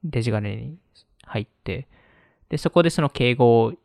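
A man's voice: mid-range voice, lively intonation, moderate pace, gravelly, darkish tone, dry recording, studio quality. A man who is stronger in English than Japanese, chatting as a podcast co-host in very polite, formal phrasing with a hesitant delivery. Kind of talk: casual chat in polite Japanese.

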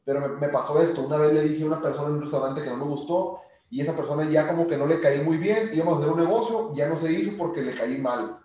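A young man giving a lively motivational sales lesson, talking straight to the listener. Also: fairly high pitch, quick pace. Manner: animated, speaks directly to listener. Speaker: sales trainer. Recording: very echoey room, distant from mic.

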